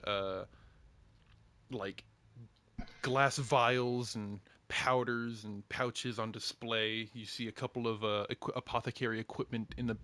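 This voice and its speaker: A man's voice: fairly low pitch, fairly bright tone, a little hiss or hum. A man narrating a tabletop game as game master, describing scenes with frequent fillers.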